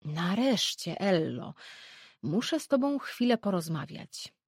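Woman doing a nagging worried old mom, gravelly husky voice, kinda low. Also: big pitch swings, takes it slowly, a little mellow, dry recording, clean studio sound, heavily acted. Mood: fretful. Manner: urgent, scolding, insistent. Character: anxious grey-haired older mother, disapproving.

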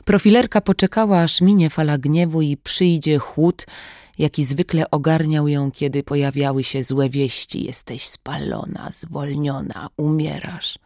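An audiobook narrator giving measured, steady scripted narration of a thriller. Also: medium pitch, no room sound, studio quality.

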